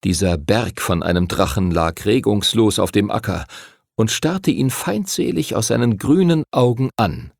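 Expressive male audiobook narrator. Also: fairly low pitch, moderate pace, creaky, no room sound, studio quality. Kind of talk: scripted narration.

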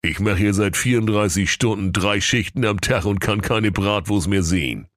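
A worn-out sausage vendor grumbles in a deep, low male voice, voiced by a man. He sounds weary and put upon. The sound is dry and close. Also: normal speed, a bit bright, no echo, lightly acted. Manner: weary, complaining.

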